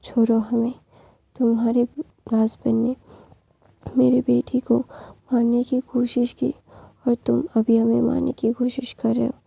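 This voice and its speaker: A woman's voice: a little high, little pitch movement, a little slow, vocal fry, pauses often, dark tone, breathy edge, no room sound, heavily acted. A woman voicing an indignant middle-aged father in whispered role-play, accusing and demanding release.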